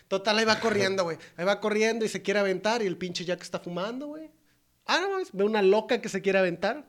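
Crude, slangy Mexican man, high voice. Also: expressive, fast talker. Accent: Mexican Spanish. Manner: crude, slangy, acts out characters' quotes. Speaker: podcast co-host. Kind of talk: casual comedic recap.

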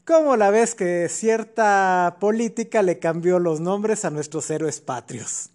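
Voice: medium pitch, a little slow, darkish tone. A podcast co-host with a Mexican accent, explaining history in a casual chat with colloquial asides.

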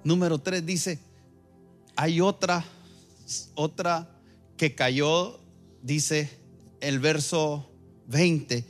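A man's voice: fairly high pitch, steady tone, very slow, pauses often, soft background music. A male pastor preaching a sermon, building emphatic phrases that surge and repeat.

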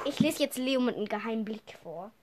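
A woman's voice: fairly high pitch, animated, fast, a little mellow. A young woman co-hosting a podcast in playful casual chat, reading clues aloud and laughing often. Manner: playful, bursts of laughter, reads descriptions aloud. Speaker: podcast co-host. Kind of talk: casual chat, quiz banter.

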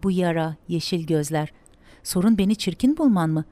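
A woman's voice: on the low side, animated, normal speed, warm tone, no room sound, close to an everyday voice. A woman voicing a hurt young woman who answers her sister in a broken, pleading voice. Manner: wounded, pleading.

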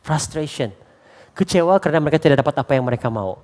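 A male pastor delivers an energetic sermon. His voice sits a little high for a man, and he freely drops English words into his speech, then shifts into playful voices when quoting people. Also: racing. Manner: animated, mixes English phrases into his preaching; acts out quoted voices for humor. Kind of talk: lively sermon.

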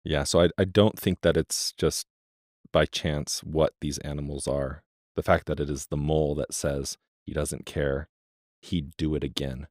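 A man's voice: very deep voice, fairly even intonation, unhurried, a little mellow, no room sound, studio quality. A man co-hosting a podcast, explaining his thoughts on a book in a thoughtful, casual way. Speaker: podcast co-host.

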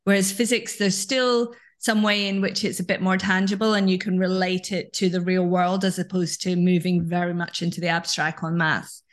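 A woman in her forties speaks as a guest on a video call. Her voice sits a little low. She talks chattily and modestly, with frequent ums and soft laughs. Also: flat delivery, moderate pace, hardly any pauses. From Scotland. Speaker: author guest.

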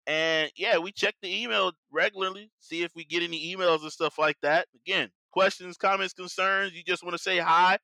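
A man's voice: high voice, fairly even intonation, a little fast, creaky, hardly any pauses, bright, forceful tone, dry recording, low-quality recording. A man hosting a podcast, chatting casually about anime in an informal, slangy, upbeat way. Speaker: podcast host.

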